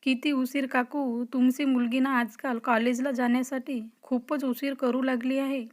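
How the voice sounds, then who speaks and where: A woman reading the lines of a cheeky young college woman who playfully teases her best friend, in a high voice. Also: little pitch movement, moderate pace, close to an everyday voice. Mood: teasing. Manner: teasing, playful.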